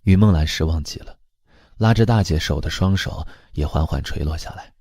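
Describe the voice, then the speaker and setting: Husky-voiced man narrating an audiobook. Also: rumbling low, normal speed, no room sound, clean studio sound. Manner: expressive storytelling.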